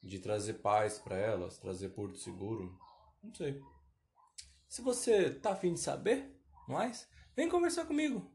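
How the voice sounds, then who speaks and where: A man's voice: lowish voice, lively intonation, measured pace, vocal fry, darkish tone. A Brazilian man with a Brazilian accent hosting a casual solo podcast, telling a story in a rambling, self-deprecating way. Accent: Brazilian Portuguese. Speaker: podcast host.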